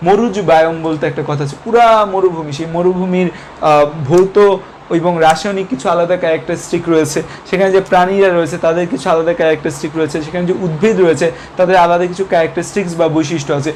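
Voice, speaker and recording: A man's voice: high-pitched, darkish tone, a little hiss or hum. A young man teaching a biology lesson online, asking questions and answering them himself, mixing in English terms. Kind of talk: online lecture.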